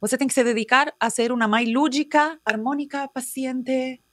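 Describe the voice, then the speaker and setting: A woman's voice: high voice, steady tone, moderate pace, no echo, studio quality. A woman parenting educator speaking emphatically, often acting out dialogue between a parent and a child. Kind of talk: talk clip.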